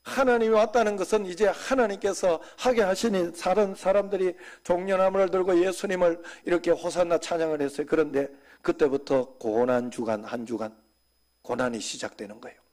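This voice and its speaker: A man preaching a sermon as senior pastor, talking conversationally and dropping suddenly to soft, quiet asides. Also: high-pitched, fairly even intonation, a little fast.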